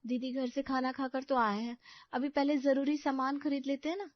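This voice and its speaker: A woman's voice: sits high, flat delivery, moderate pace, no echo, close to an everyday voice. A woman playing a polite young working wife. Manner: polite, deferential. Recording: dull lo-fi dry recording.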